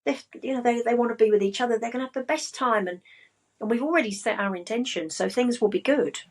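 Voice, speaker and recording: Woman, breathy, slow and grounded delivery, podcast guest coach. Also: a little high, low-quality recording. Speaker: spiritual business and money coach, guest. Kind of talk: casual podcast chat.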